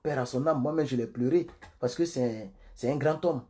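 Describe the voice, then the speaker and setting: A man reading the Bible on a livestream and commenting between passages, slow and solemn in the readings and quick and chatty in his asides to viewers. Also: medium pitch, warm tone. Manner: chatty, repeatedly urging viewers to share. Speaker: Bible reader and preacher.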